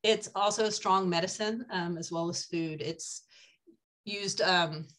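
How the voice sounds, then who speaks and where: A woman's voice: lowish voice, a little slow, a bit bright. An older woman guiding a foraging talk in a chatty, enthusiastic way with many ums, speaking over a webcam from an indoor room. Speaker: foraging guide. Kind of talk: casual presentation over slides. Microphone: webcam on a video call.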